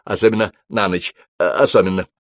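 A man's voice: deep voice, fairly even intonation, a little fast, no room sound, lightly acted. A man voicing an anxious, horse-like male racer who keeps repeating his own words. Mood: earnest.

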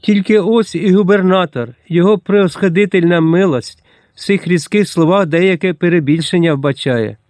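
Літній обозний, якого читає чоловік, говорить обережно й розважливо, трохи вищим тоном. Звук сухий і чистий. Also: male voice, sits high, normal speed, a little mellow, no echo, clean studio sound, voice pushed up, natural voice. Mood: cautious. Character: older male army quartermaster, cautious and measured.

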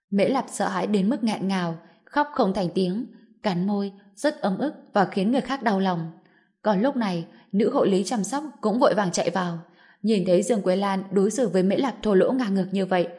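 A woman's voice: mid-range voice, fairly quick, dark tone. Woman narrating a dramatic audiobook.

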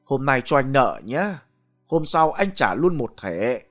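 A man's voice: medium pitch, very animated, measured pace, faint music behind. A man voicing a toothless, deaf old man over eighty. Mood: confused.

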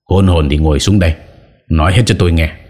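A man voicing a young husband who interrogates forcefully in an audiobook. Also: low-pitched, fast. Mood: furious. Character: angry young husband, commanding and grief-stricken. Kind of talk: audiobook character voice.

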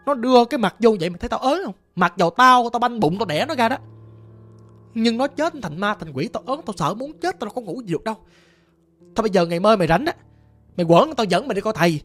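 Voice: medium pitch, lively intonation, fast talker, fairly bright tone, soft background music. Narrator as a coarse, frightened old mother. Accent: Southern Vietnamese. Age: older. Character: cruel, fearful rich old mother.

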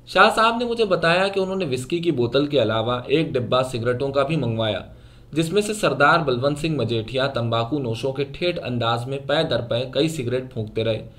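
A man narrating a literary short story aloud in a measured, even storytelling manner. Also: mid-range voice.

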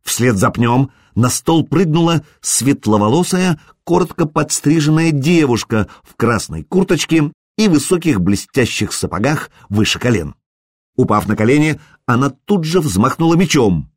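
A man reading an audiobook in a steady, measured narration. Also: medium pitch, breathy edge, no echo, studio quality.

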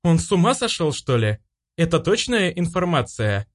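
Audiobook: man as an imperious empress, slightly raised pitch. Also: very animated, moderate pace. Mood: commanding. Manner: imperious, curt commands. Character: commanding young empress.

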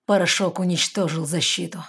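A woman voicing a brooding, predatory male fairy lord who speaks in a firm, clipped, slow way. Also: on the low side, fairly even intonation, a bit bright, breathy edge. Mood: cold commanding.

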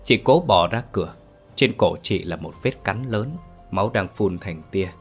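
A man narrating a horror story in a steady, dramatic way. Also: low-pitched, moderate pace, husky, soft background music.

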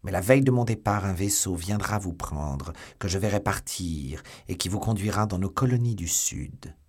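A man reading an audiobook, voicing a stern, sardonic English baron in a measured tone. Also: low voice, lively intonation, slightly rough. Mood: mocking. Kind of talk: audiobook character voice.

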